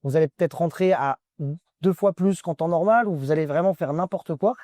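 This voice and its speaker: A man's voice: a little high, fairly quick, dark tone, no echo, studio quality. A man as a guest in a casual interview, giving direct advice in short, broken phrases. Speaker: guest trader.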